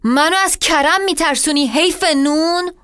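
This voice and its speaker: A woman reading a story and voicing a stubborn, worn-out village man in a gruff lowered voice. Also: a bit bright, no echo, clean studio sound, natural voice. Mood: angry.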